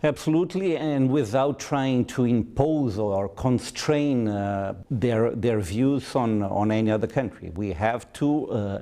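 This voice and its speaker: A man from Brazil with a Brazilian accent and Portuguese as his first language, giving formal, measured diplomatic interview answers with frequent hesitant pauses. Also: medium pitch, warm tone. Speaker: ambassador, interview guest.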